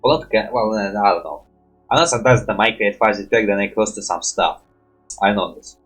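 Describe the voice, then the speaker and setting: Man, husky voice, lowish pitch, rambling casual commentary, headset mic. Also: a little fast, a bit bright, faint music behind. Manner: rambling, broken English grammar, says "bloody" often. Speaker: reaction streamer.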